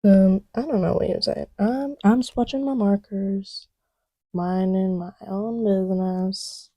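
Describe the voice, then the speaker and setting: A woman plays a playful young girlfriend in an intimate audio roleplay, murmuring in a very dark, mellow, breathy voice of mid-range pitch and steady tone. She speaks haltingly and unhurriedly, teasing while half absorbed in what she's doing, and the dry recording sounds close, with an absorbed, casual mood.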